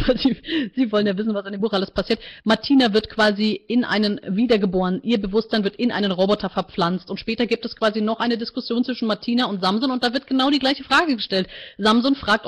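A woman author who reads from her novel and then answers questions, explaining thoughtfully with some fillers. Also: on the high side. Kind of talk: book reading and author Q&A.

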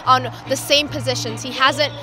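A woman's voice: high voice, fairly even intonation, normal speed, over music. A woman in her twenties giving a casual interview answer as a voter. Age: 20s. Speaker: rally attendee being interviewed. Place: outdoors near an event stage.

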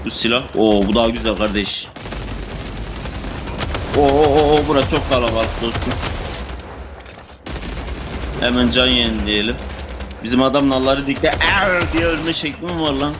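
Young male gamer, cursing and excitable, mid-range voice, loud gunfire under him. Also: medium pitch, normal speed, pauses often, noisy background. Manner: excitable, swears, talks to teammates and enemies. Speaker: gamer playing a shooter. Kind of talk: casual gameplay commentary. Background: gunfire and game sound effects.

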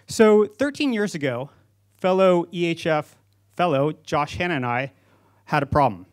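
On an auditorium stage before a seated audience, a company founder in his forties delivers a prepared conference speech into a handheld microphone. His voice is a little high, with lively intonation and a normal speed.

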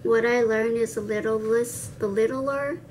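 This makeup vlogger, a young adult woman, speaks a little slowly with fairly even intonation and a voice on the high side. She turns r into w and chats with playful, slangy, self-deprecating asides, seated on camera in an indoor room with a cloth backdrop. The recording is rough with slight background noise.

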